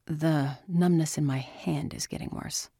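A woman voicing a man patient whose usually strong voice sounds low and small. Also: normal speed, darkish tone, slightly rough, dry recording, clean studio sound. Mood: subdued. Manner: low and subdued.

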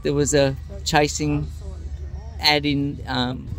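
A man's voice: a little high, level tone, takes it slowly, a bit bright. An Australian man in his sixties giving casual interview answers as a car owner at a show.

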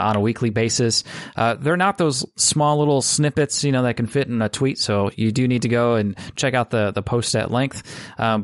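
A man co-hosting a tech podcast, reading out a news item in a relaxed way with ums. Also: mid-range voice, no echo. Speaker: podcast co-host. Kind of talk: news segment chat.

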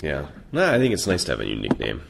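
A man's voice: very deep voice, wildly swooping pitch, racing, vocal fry, heavy background noise. A man hosting a podcast, asking questions in a hesitant, chatty way, often restarting words and laughing. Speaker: podcast host. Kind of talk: casual interview chat.

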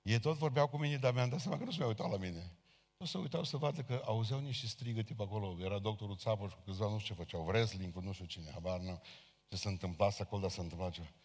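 A man's voice: lowish voice, darkish tone. A man preaching a sermon as a Pentecostal pastor, speaking fervently and addressing his congregation directly. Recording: long hall reverb.

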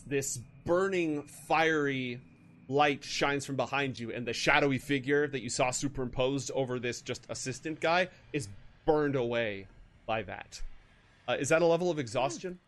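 A man's voice: medium pitch, unhurried, fairly bright tone. A man running a tabletop role-playing game, moving between dramatic narration and casual rules talk. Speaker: game master.

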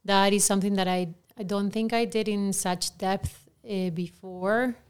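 A woman from Peru speaks English with a Peruvian Spanish accent in a smooth, clear voice of medium pitch. Her talk is candid and easygoing in a relaxed podcast chat. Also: measured pace. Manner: candid, lively, laughs easily. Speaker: formator on a podcast panel. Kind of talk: casual podcast conversation.

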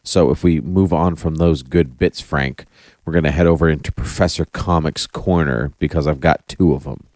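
A man's voice: very deep voice, fairly even intonation, normal speed, darkish tone, dry recording, clean studio sound. A man hosting a casual, enthusiastic chat, repeating phrases for emphasis. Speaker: podcast host. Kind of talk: casual chat about comic-book TV.

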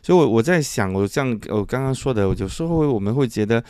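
A man's voice: mid-range voice, lively intonation, fast, darkish tone, clear, resonant tone, no echo, studio quality. A man from southern China conducts a conversational interview, asking long, meandering questions with hesitations and modest asides. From Chaoshan, southern China.

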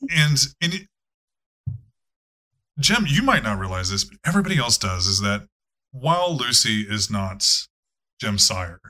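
A man's voice: on the low side, big pitch swings, measured pace, long pauses, bright, forceful tone. A man narrating a tabletop game as game master, casual and profane, with frequent fillers.

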